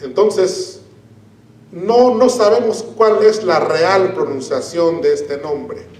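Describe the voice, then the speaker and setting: A high-pitched man preaches in an unhurried, deliberate way, leaning on key words as he teaches. The sermon is recorded in a church with a roomy echo, and the mic sits some way off. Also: a little mellow. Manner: slow, deliberate Bible teaching with emphatic stresses. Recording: echoey room, mic at a distance.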